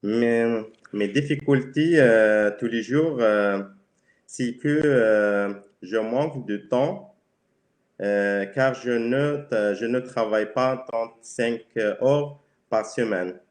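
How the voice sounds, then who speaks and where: A man from Spain with a Spanish accent, a native Spanish speaker, describing his work simply and haltingly. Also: medium pitch. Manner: halting, searching for words. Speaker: cleaner, webinar guest. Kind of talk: simple self-presentation. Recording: very echoey room.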